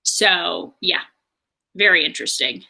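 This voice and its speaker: A woman's voice: lowish voice, a little slow, gravelly, bright, forceful tone. A woman co-hosting a book podcast, recapping chapters in a chatty way with frequent fillers. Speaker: podcast co-host. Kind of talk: casual book discussion.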